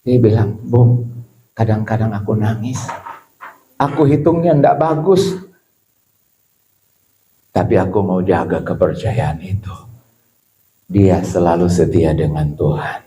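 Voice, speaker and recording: A male pastor preaching a sermon, telling a story and quoting other people, and sometimes rising to a shout. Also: low-pitched, slow pace, long pauses. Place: church. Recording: echoey church hall.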